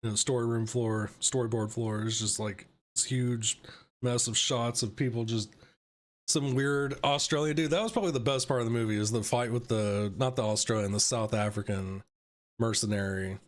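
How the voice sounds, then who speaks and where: A young man hosts a live stream and casually rants about a film, swearing a lot, laughing and throwing in mocking asides. He speaks in a mid-range voice at normal speed.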